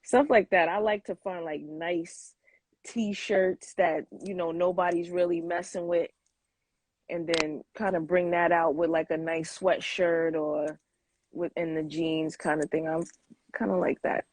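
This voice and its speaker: This woman in her forties has a lowish, steady, slightly mellow voice and speaks at a measured pace, with no room sound. She's a sneaker collector guesting on an interview, chatting casually and rambling a bit as she thinks aloud.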